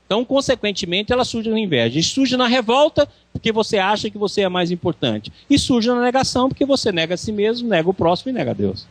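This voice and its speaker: A man with a Brazilian Portuguese accent delivers a spiritual course lecture in a high, sing-song voice, talking fast with few pauses in a recording with no room sound. He is emphatic, fires off rhetorical questions and acts out quoted speech.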